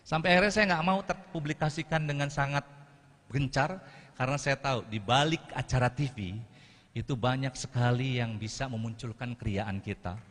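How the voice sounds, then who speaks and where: A man leads a live audience through breathing drills in a bright, forceful voice. He speaks to the audience directly and often drops in Islamic interjections. The sound is a TV studio broadcast with a long reverb tail. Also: mid-range voice, normal speed. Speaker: motivational speaker. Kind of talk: lively motivational talk with breathing exercises.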